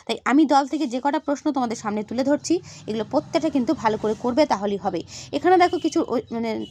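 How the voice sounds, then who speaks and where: Fast-talking woman teacher, dry close sound. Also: high-pitched, darkish tone, no room sound. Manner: direct, addresses students, repeats "thik ache". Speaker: teacher giving exam tips. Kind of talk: casual video lesson.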